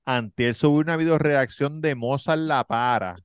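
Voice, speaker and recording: A man, hosting a casual podcast chat, laughing and stumbling into quick bursts. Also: medium pitch, clear, resonant tone, no echo, studio quality. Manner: laughs, stammers, rapid bursts. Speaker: podcast host.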